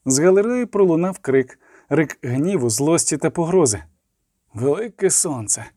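Male audiobook narrator, fantasy, mellow warm tone, dry close studio sound. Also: on the high side, animated, normal speed, no echo.

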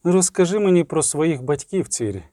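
A calm sorceress speaks softly and insistently, as a man reads her lines. Her voice is hushed and cool. The storybook narration sounds warm and close. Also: on the high side, normal speed, no echo, voice pushed up, natural voice. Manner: soft, insistent.

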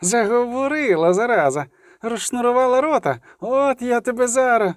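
A man voicing a shouting brutal bandit leader. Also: high voice, expressive, normal speed, dry recording, studio quality, pitched above the performer's own voice. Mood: furious. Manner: barking, contemptuous shouts.

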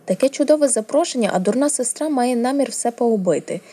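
Storybook read-aloud: a woman voicing a prim, easily annoyed young noble girl, husky tone. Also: a little high, expressive, quick pace, warm tone, voice pushed up. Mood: indignant.

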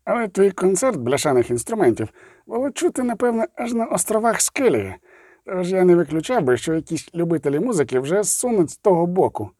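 Sardonic dwarf, voiced by a man, gruff, mocking, swearing, higher and jumpy, dry close sound. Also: sing-song, brisk, warm tone, no room sound. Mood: grumbling. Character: gruff blunt male dwarf leader, sardonic. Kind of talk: audiobook reading.

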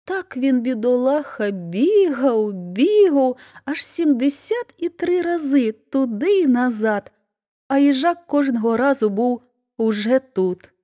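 Slow, expressive woman reading a fairy tale. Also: sits high. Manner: expressive, unhurried narration. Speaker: storyteller. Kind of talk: storybook reading.

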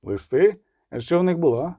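A man voicing a cold, menacing male interrogator who speaks slowly and curtly. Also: a little high, lively intonation, dark tone, no echo, studio quality. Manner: slow, curt, threatening.

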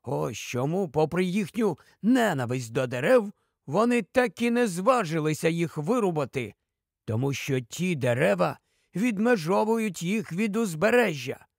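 Man voicing an old scholar, calm, measured, explanatory, high-pitched, gravelly. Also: dry recording, clean studio sound, heavily acted. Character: learned old male scholar, calm and careful.

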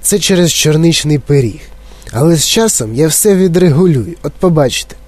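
A man voicing a fussy, eccentric candy maker who talks in soft, rueful sighs. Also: on the high side, animated, moderate pace, no echo.

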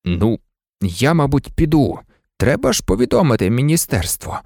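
A man's voice: mid-range voice, huge pitch swings, normal speed, gravelly, a little mellow, no echo, clean studio sound, heavily acted. A man voicing a flustered, blustering male official who grumbles and barks in an audiobook. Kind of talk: audiobook character voice.

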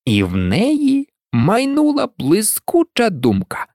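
A woman reading a storybook aloud as narrator, expressive and animated. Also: mid-range voice, slow pace, no echo, clean studio sound. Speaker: audiobook narrator.

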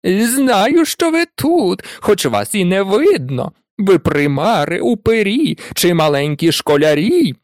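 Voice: medium pitch, very animated, slow, hardly any pauses, dry recording, studio quality, pitched above the performer's own voice. A reader voicing a mischievous, teasing poltergeist in a sly, sing-song drawl for an audiobook. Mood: taunting. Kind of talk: audiobook character voice.

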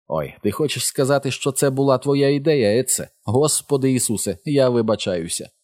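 A man's voice: medium pitch, expressive, normal speed, a little mellow, no echo, studio quality, voice pushed up, natural voice. A man voicing a brash, showy, wisecracking boy of about eleven in a storybook reading. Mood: teasing.

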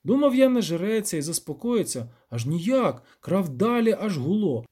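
Give me a man doing a jittery, chatty village peasant, high-pitched and mellow, rambling in a folksy way. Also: very animated, moderate pace, breathy edge, exaggerated voice. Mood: anxious, rambling. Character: nervous rustic peasant man, talkative.

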